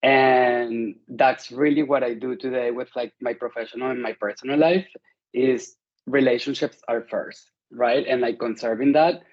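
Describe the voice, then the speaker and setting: A man's voice: mid-range voice, steady tone, normal speed. Chatty Venezuelan-born man, dull audio. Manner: friendly, chatty, many "like" fillers. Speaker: interview guest. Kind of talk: casual interview conversation.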